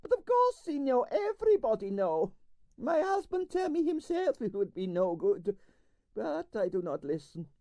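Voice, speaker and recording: A man plays a vain, bossy older Russian ballerina in a storybook, using a Russian accent, shrill falsetto and dramatic broken English. The voice is exaggerated, very animated and dark in tone, at a moderate pace with no echo, sounding indignant and candid.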